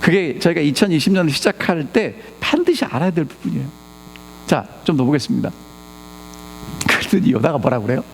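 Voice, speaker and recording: A man's voice: on the high side, brisk, creaky, slight background noise. A man preaching a sermon as pastor, questioning his congregation again and again. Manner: animated, peppers the congregation with rhetorical questions. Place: church sanctuary. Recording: long church reverb.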